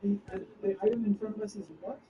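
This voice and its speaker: A man's voice: high-pitched, little pitch movement, fast talker, highs cut off. A man playing in a tabletop game, talking casually and hesitantly with many fillers. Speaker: player. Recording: distant mic, faint noise.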